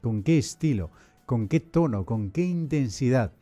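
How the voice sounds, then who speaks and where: A priest hosting a podcast, explaining in a didactic, measured way and asking many rhetorical questions. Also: male voice, mid-range voice, animated, mellow, soft background music.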